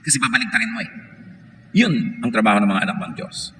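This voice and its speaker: Lively Filipino preacher in a reverberant hall. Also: male voice, mid-range voice, quick pace, a little hiss or hum. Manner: switches between Tagalog and English, quotes scripture, jokes with the congregation. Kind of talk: sermon. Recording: long hall reverb, faint room ambience.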